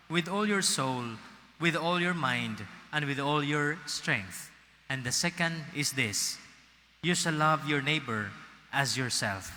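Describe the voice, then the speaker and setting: A man with a Filipino accent, a priest reading the gospel and preaching slowly, his voice carrying a cathedral echo. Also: fairly high pitch, sharp tone, a little hiss or hum. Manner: slow, deliberate delivery. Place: large cathedral. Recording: long cathedral reverb.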